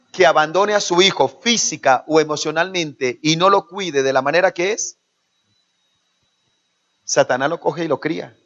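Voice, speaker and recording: A man's voice: fairly high pitch, fairly bright tone. A man with a Colombian Spanish accent preaching a sermon as pastor, calling out to the congregation and acting out quoted parents. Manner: preaching with call-and-response to the congregation; acts out quoted parents in shifting voices. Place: church. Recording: dull lo-fi sermon recording.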